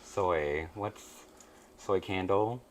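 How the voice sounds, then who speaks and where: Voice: low voice, extremely slow. A drag performer hosting a show, chatting casually, gushing and laughing a lot and swearing casually. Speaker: podcast host, drag performer. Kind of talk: casual chat.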